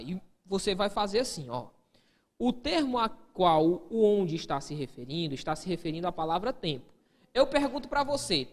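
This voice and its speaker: Recorded with a big-room sound, this high-voiced man runs a grammar class for exam prep, voicing imagined student questions and then answering them himself. He keeps dropping "ó" throughout.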